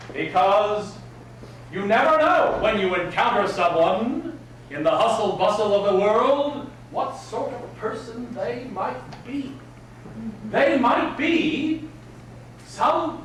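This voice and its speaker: A man leads a live etiquette class in a slow, deliberate delivery. His enunciation is prim and precise, with formal, old-fashioned wording. The voice is high for a man and comes through from a distance with some faint noise. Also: a bit bright. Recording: very echoey room, distant mic, faint noise.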